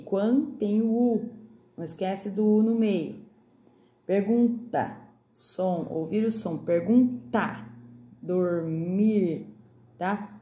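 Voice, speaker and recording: A woman teaching young children remotely, with a Brazilian Portuguese accent, slowly sounding out each word. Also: medium pitch, dark tone, echoey room. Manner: slow, over-articulated sounding out of words for children. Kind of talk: remote classroom lesson.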